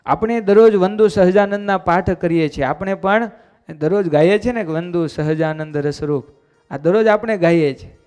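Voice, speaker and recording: A man's voice: high-pitched, moderate pace, darkish tone, smooth, faint music behind. Folksy man preaching a sermon. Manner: folksy, conversational storytelling, voices quoted characters. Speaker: preacher giving a religious discourse. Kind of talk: sermon storytelling. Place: temple hall.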